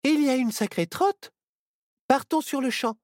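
A woman voicing a bold young apprentice witch girl in a storybook, with a high, eager delivery. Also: normal speed, darkish tone, no room sound, clean studio sound, close to an everyday voice. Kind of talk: storybook character voice.

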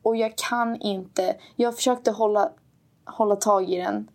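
A woman's voice: medium pitch, steady tone, darkish tone. Young woman chatting, mixing two languages. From Sweden. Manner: switches between Swedish and English, laughs often. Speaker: podcast co-host. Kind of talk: casual chat.

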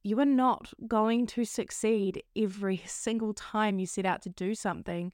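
Clear, slightly croaky woman podcast host. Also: mid-range voice, fairly even intonation, normal speed, a little mellow, no echo, clean studio sound. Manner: encouraging, earnest. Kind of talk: solo motivational podcast talk.

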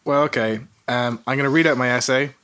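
A man co-host reads his own essay aloud, earnest and a little self-mocking. He talks fast with a bright, forceful tone. His pitch sits in the middle. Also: fairly even intonation, clear, resonant tone. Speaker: podcast co-host. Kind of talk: casual chat, reading an essay.

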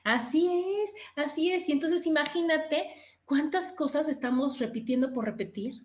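A woman's voice: high voice, moderate pace. A woman therapist who is a guest on a podcast, explaining her ideas earnestly and repeating phrases for emphasis. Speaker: face-reading therapist, guest. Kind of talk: casual chat.

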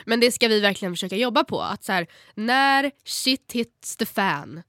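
A young woman in a casual chat as a podcast co-host, earnest and talking in quick bursts. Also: medium pitch, animated, a bit bright, dry recording, studio quality.

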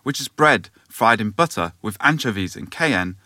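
A man from England hosting a podcast, narrating in a measured, explanatory way. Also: lowish voice, animated, background noise. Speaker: podcast host. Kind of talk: scripted narration.

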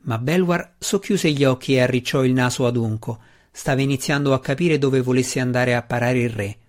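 Brief: man, audiobook narration, steady and expressive, mid-range pitch. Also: normal speed. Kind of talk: scripted narration.

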